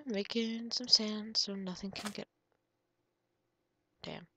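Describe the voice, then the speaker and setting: Stuffed up and nasal from a cold, a young gamer keeps up a chatty, meandering commentary on her computer game, sometimes sinking into murmurs. Her mid-range voice is slow with fairly even intonation over a noisy background.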